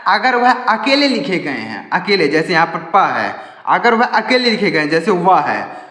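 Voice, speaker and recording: A man with a high, bright voice walks beginners through a lesson one step at a time. He keeps asking his viewers questions and then answers them himself. The recording rings with long reverb, as in a bare, echoey room. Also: very animated, unhurried. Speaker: English teacher.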